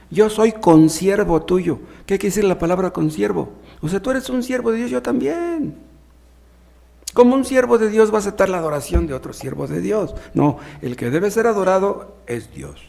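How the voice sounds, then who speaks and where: A man's voice: sits high, vocal fry, a little mellow. A man preaching a sermon, reading Bible passages aloud and explaining them in plain words with rhetorical questions. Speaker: pastor.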